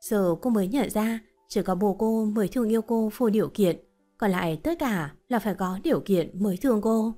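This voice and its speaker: A woman reading a short story as narrator in a steady, even storytelling voice. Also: medium pitch, brisk, soft background music.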